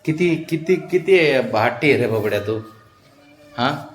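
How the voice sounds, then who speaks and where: A man's voice: medium pitch, expressive, measured pace. A man with a Marathi accent, casually coaxing and scolding his sulking pet cat in a mix of pleading and baby talk.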